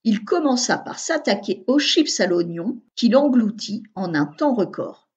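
A woman narrating a children's story with a husky, fairly high voice and an expressive, animated reading. The recording sounds dull and lo-fi. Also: unhurried.

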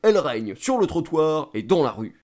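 A self-important middle-aged official, as a male reader puts him on, talking in a raised, louder voice. He lectures and boasts eagerly, swinging his pitch upward with every point. A storybook figure full of his own importance. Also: big pitch swings, normal speed. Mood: pompous. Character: pompous, talkative middle-aged male state councillor.

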